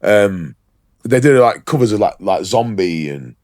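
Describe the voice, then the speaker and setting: Low-voiced sweary podcast man. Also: lively intonation, measured pace, a little mellow, no room sound, clean studio sound. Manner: rambling, sweary, full of ums and fillers. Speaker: podcast co-host. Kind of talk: casual podcast chat.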